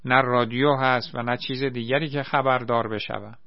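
A man voicing an excitable, football-mad young soldier who talks loudly and in exclamations, in a dry, slightly muffled recording. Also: mid-range voice, creaky, dry recording, natural voice. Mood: worked up. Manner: loud, exclaiming, shouting.

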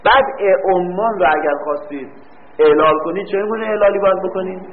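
A man teaching a grammar lesson, explaining step by step, asking the class questions and drawing out example words slowly. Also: high-pitched. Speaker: teacher of Arabic morphology. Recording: tinny phone-like recording.

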